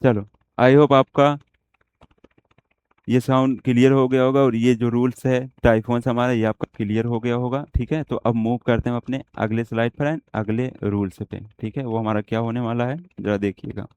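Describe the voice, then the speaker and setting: A man's voice: medium pitch, level tone, normal speed, a little mellow, clean tone, no echo, highs cut off. A man teaching shorthand in an online lesson, explaining step by step and asking and answering his own questions on words. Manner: explains step by step, often asks and answers himself.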